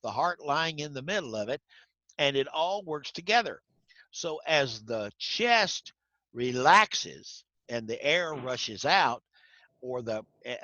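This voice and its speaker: Bright-voiced man teaching class. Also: medium pitch, no echo, dull audio. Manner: folksy, quizzes students by name. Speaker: instructor.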